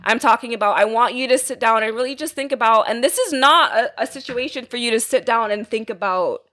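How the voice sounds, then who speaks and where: A woman's voice: a little high, fairly quick, pushed and bright. A woman from Antigua, co-hosting a podcast, making her point in an emphatic way and repeating phrases for stress. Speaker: podcast co-host. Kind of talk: earnest discussion.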